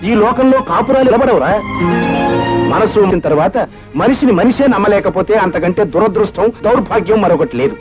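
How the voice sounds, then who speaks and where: An actor playing a middle-aged father who forcefully lectures his son about trust. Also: high voice, fairly quick, lightly acted. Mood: lecturing. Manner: forceful, moralizing. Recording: dull old film soundtrack with loud music.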